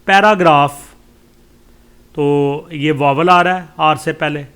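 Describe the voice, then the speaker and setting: A man with a Pakistani accent teaching a lesson. He reads English lines slowly, then explains them at length with many hesitations. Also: a little high, steady tone, fairly bright tone, clean tone. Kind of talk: lecture explaining a course text.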